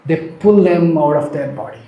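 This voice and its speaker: A man giving an earnest devotional sermon, moving between soft and emphatic delivery. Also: on the high side, animated, normal speed, muffled recording. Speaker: preacher. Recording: roomy echo.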